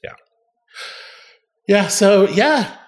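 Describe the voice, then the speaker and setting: A man's voice: high-pitched, animated, drawn-out words. A man in his fifties hosting a casual podcast chat, talking expressively with sighs, laughs and dramatic exclamations. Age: 50s. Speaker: podcast host.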